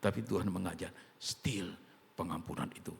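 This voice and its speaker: Gravelly male pastor preaching emphatically. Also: low-pitched, normal speed, slight background noise. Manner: emphatic, mixes in English phrases. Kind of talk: sermon. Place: church auditorium. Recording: reverberant church hall.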